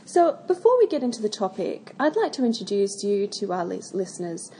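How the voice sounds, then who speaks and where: Woman podcast host, mellow voice, formal and measured, the odd um. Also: mid-range voice, very animated, slight background noise. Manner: measured and formal, with occasional ums. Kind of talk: prepared interview questions.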